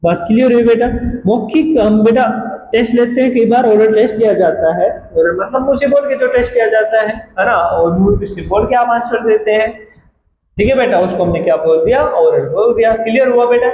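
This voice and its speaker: High-voiced man teaching in an echoey classroom. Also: fairly quick, darkish tone, highs cut off. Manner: repeats questions to students, calls them beta. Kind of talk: classroom lecture. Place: classroom with a board. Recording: echoey room with background noise.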